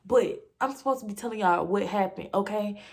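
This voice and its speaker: A woman's voice: medium pitch, fairly quick, background noise. A young woman in a confessional home vlog, talking candidly and rambling with many fillers, speaking casually and directly to her viewers. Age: young adult. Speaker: vlogger.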